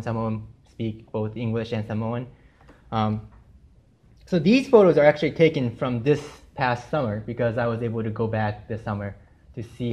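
Speaking to students in a university lecture room equipped with a projector screen, a young artist from Japan talks casually about his work, his native Japanese shaping his delivery, with plenty of friendly filler words. He has a medium-pitched voice with a somewhat dark tone.

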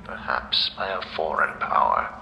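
A man playing a learned natural philosopher dictating research notes in a deliberate, theatrical, pompous way for a video game audio log. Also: extremely low pitch, very animated, gravelly, bright, forceful tone, full character voice. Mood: pondering, suspicious. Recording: echoey hall, noisy old recording playback.

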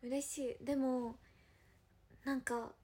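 Her voice is high but flat in delivery, with a dark, husky tone. A young adult idol from Hiroshima, Japan, she chats casually in Hiroshima dialect on a livestream, giggling, musing at length and responding to viewers' comments.

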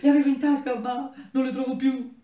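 A woman voicing a desperate, hysterical pale young man who shouts and pleads in a high, strained voice. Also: flat delivery, brisk, roomy sound, lightly acted.

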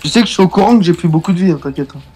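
A man's voice: high-pitched, expressive, very fast, darkish tone. Young man, gaming host, teasing banter, faint music behind. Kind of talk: casual gaming chat.

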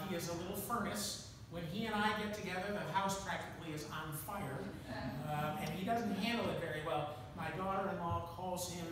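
A man in his sixties preaching a sermon, telling folksy stories with self-deprecating asides. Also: high-pitched. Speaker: pastor. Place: church sanctuary with pipe organ. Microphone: room camera from the back of the church. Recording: echoey church, distant camera, audible room noise.

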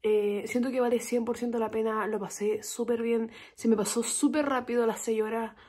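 Casual vlogger, young Chilean woman, slightly high voice, lively storyteller. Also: moderate pace, breathy edge. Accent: Chilean Spanish. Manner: chatty, animated storytelling with quoted reactions.

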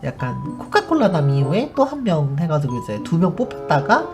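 A woman's voice: low-pitched, very animated, a little fast. A woman hosting a live stream, chatting casually as she tells a story and acts out the people in it. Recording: music under the voice. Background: background music.

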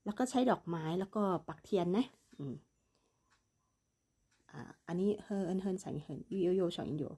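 A woman's voice: on the low side, normal speed, dark tone, breathy edge. A woman teaching Chinese, patiently explaining and repeating words while reading a dialogue. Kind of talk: bilingual language lesson, reading a dialogue.

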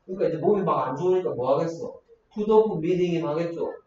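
An English teacher raises his fairly high, mellow voice and talks quickly as he spins a funny story during a classroom lecture, playfully checking in with his students. He's picked up from a distance in a dull, echoey room with slight background noise.

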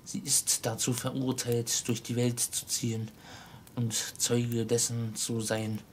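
A man reading the part of a chained ghost of an old miser, speaking in a solemn, slow, mournful way. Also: medium pitch, level tone, slight background noise, close to an everyday voice. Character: ghost of an old male miser, grave, sorrowful, bound in chains.

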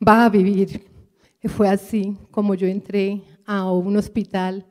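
A woman's voice: medium pitch, mellow. A woman giving an earnest personal testimony to her church congregation, addressing them as brothers and sisters.

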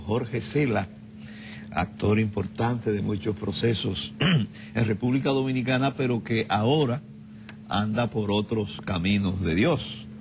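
An older man hosting a TV studio interview, introducing and prompting his guest in a measured way on a lapel mic. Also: lowish voice. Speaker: TV host. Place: TV studio set. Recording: TV studio recording with steady hum.

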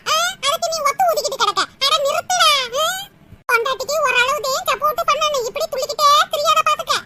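Squeaky, nagging old mother-in-law. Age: older. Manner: scolding, nagging. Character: sharp-tongued old mother-in-law, quarrelsome. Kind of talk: cartoon comedy voice acting. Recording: loud background noise.

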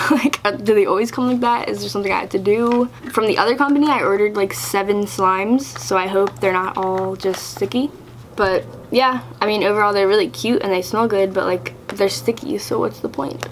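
A young YouTuber reviews products casually in a vlog, chatty yet exasperated and full of filler words. Her mid-range voice moves at a moderate pace over a little hiss or hum.

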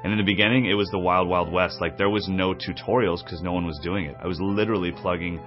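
A very deep-voiced man in his forties speaks as a drum teacher in a documentary interview. He tells his story in a candid, reflective way. The sound is a little dull and muffled, with soft music under it. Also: fairly even intonation, quick pace. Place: indoor drum studio. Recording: slightly dull, muffled audio.

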